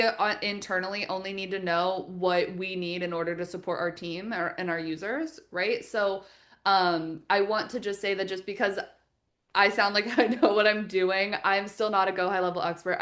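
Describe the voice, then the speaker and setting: Woman walking through a software tutorial. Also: medium pitch, fairly even intonation, moderate pace. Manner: step-by-step instructional, friendly and practical. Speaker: software trainer for the company. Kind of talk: live webinar screen-share tutorial.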